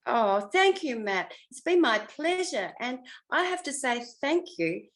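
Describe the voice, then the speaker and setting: An older Australian woman, a former television actress, reminisces casually as an interview guest, self-effacing and rambling, often trailing off mid-thought. Her high voice is very animated, at a measured pace.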